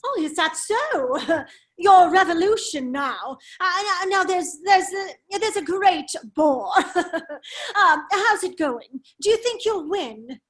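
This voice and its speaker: In a radio play table read, a woman acts the part of a foppish English nobleman in a very high-pitched voice. She speaks slowly and affectedly, full of dithering exclamations and idle teasing. Her intonation is lively and a bit bright, and the whole performance is heavily acted.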